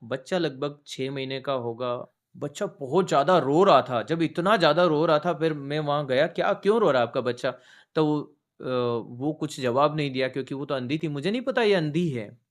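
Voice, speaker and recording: A man's voice: on the high side, moderate pace. A soldier sharing a personal faith testimony in an earnest storytelling manner, shifting his tone as he recounts conversations. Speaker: soldier giving a church testimony.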